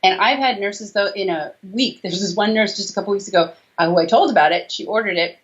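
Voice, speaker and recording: Speaking fast at medium pitch, this forty-something doctor and author lists details emphatically during a chatty video-call interview. She's a talkative guest, calling in from a small room indoors, and the call audio sounds a bit dull.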